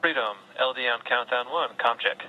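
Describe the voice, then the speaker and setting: A man's voice: medium pitch, moderate pace, sharp tone. A man giving terse, formal astronaut radio check callouts over a radio link. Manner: clipped, formal radio phrasing. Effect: radio transmission. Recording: muffled band-limited radio link.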